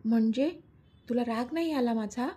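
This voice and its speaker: A teasing, lovestruck young man, as a woman narrator puts him on, coaxing and pleading in a storybook reading. The voice is mellow and a little breathy and sits fairly high. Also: moderate pace. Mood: coaxing, playful.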